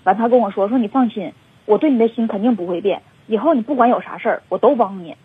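Husky fast-talking Northeastern Mandarin woman. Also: medium pitch, no room sound. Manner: rambling, many fillers, upset. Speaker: caller. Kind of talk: phone-in confession. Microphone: telephone. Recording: tinny dry phone line.

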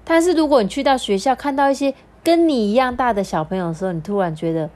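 A young woman hosting a children's story podcast. She tells the story in a playful, animated way and draws out the particles at the ends of her sentences. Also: on the high side, fast talker. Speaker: storyteller host.

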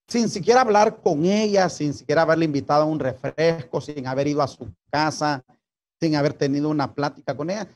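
An older man delivers a sermon to young people. His voice sits a little high for a man. He tells his story earnestly, restarting phrases and turning often to his listeners as brother and sister. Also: darkish tone. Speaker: pastor. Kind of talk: sermon to youth.

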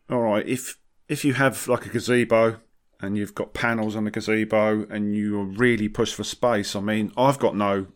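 A man chatting casually as a podcast host, wry and jokey, using British slang. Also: on the low side. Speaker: podcast host and car detailer.

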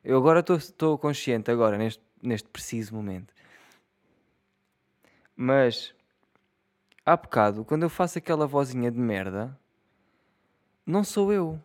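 A man in his twenties with a European Portuguese accent rambles and jokes through a casual solo podcast monologue, swearing freely and laughing at his own jokes. His medium-pitched voice has lively intonation and a normal speed, broken by long pauses.

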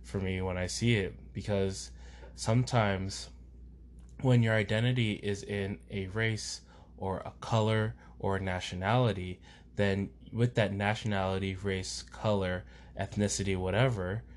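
A man with a somewhat low voice speaks in an earnest, reflective way. He talks casually, circling back and restarting sentences as he works through his thoughts. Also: steady tone, unhurried, slight background noise. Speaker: podcast co-host, parent. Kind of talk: casual faith and parenting chat.

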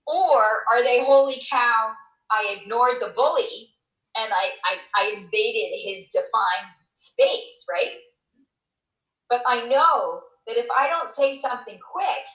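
A middle-aged woman from Canada, a motivational speaker telling a personal story in conversation, animated and often checking in with "right?". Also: reverberant, low-quality recording. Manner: animated, acts out quoted voices with big pitch jumps, frequent "right?".

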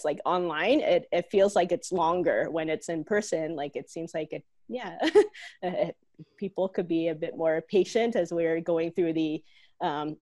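A woman's voice: sits low, darkish tone, no room sound. A woman from Hong Kong working from home, talking in a casual podcast with plenty of "like" and "um" fillers. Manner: chatty, leans on "like" and "um" fillers. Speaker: online learning lead and co-host. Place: home office.

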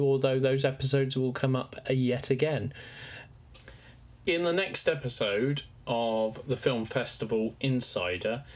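A man hosts a solo podcast in an English West Country accent. He explains his subject directly to the listener. His voice sits at a medium pitch. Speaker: podcast host.

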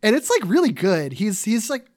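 A man with a fairly high voice co-hosts a casual episode recap. He talks enthusiastically and breaks easily into giggles. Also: wildly swooping pitch, moderate pace, a little mellow. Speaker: podcast co-host.

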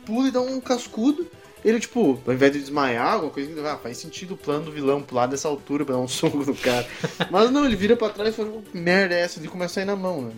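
A man's voice: a little high, expressive, rapid-fire, soft background music. A man co-hosting a podcast, talking through a film in a rambling, slangy, profane way and laughing often. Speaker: podcast co-host. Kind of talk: casual film-review chat.

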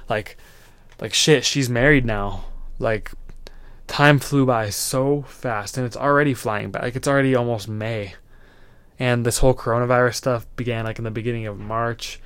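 A man in his twenties hosts a solo podcast, offering earnest motivational advice in a loose, rambling way with lots of fillers. His mid-range voice is steady, a bit bright and smooth, at a moderate pace with no room sound.

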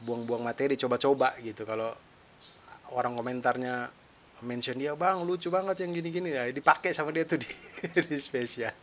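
This stand-up comedian and podcast host, a young man from East Nusa Tenggara in eastern Indonesia, talks in a mixed eastern Indonesian accent. His solo episode is chatty and self-deprecating, delivered in a mid-range, fairly bright voice over a faint hiss.

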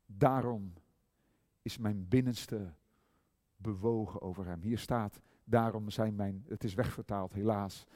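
A middle-aged male preacher giving a sermon, swinging from loud emphasis to hushed tenderness and drawing out key words slowly. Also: lowish voice, fairly even intonation, no echo, studio quality. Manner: slow, drawn-out stress on key words.

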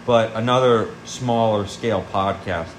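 A young man rambles in a relaxed way on a casual podcast, leaning on plenty of ums and likes. His voice bounces around an echoey room over a faint background hum. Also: lowish voice, measured pace. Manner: rambling, laid-back, full of fillers. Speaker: podcast co-host. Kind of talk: casual chat.

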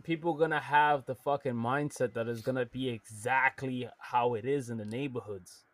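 A young man co-hosting a casual podcast chat, ranting in an animated, exasperated way with lots of swearing. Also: mid-range voice, normal speed, no echo, far from the mic. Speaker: podcast co-host.

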